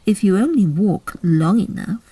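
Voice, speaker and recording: A woman voicing a sly, grinning mad cat in a storybook reading, with slow, deliberate, drawn-out words. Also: mid-range voice, expressive, warm tone, slightly rough, distant mic. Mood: sly, languid.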